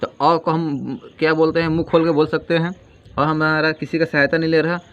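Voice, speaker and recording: A male grammar teacher giving a lesson, asking questions and answering them himself and repeating key terms slowly. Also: a little high, level tone. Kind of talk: classroom-style grammar lesson. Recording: dull lo-fi sound with faint noise.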